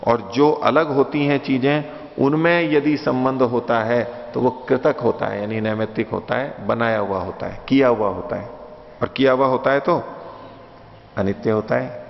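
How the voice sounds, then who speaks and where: A man giving a lesson on Vedic philosophy, reciting Sanskrit lines slowly and then explaining them in a conversational, questioning way. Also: medium pitch, creaky. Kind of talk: lecture explaining Sanskrit sutras. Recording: dull lo-fi audio with long reverb.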